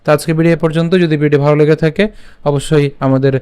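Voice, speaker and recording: A man with a smooth, resonant voice, pitched a little high, teaches an online recitation lesson. He breaks each verse into syllables and repeats them slowly and deliberately. He rattles through his channel announcements quickly. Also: flat delivery, mellow. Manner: slow syllable-by-syllable drilling of pronunciation.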